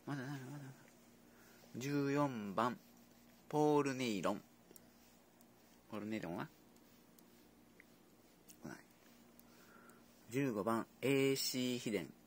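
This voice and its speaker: A man's voice: medium pitch, slow pace, pauses often. A man casually chatting to his pet dogs at home, playful and coaxing as he goes. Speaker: vlogger predicting a horse race with his dogs. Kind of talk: casual chat to pets.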